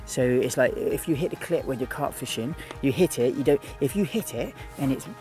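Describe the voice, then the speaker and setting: A man of medium pitch talks a beginner through fishing at a lake, his urgent guidance coming in quick, repetitive bursts. Music plays under his on-the-spot coaching.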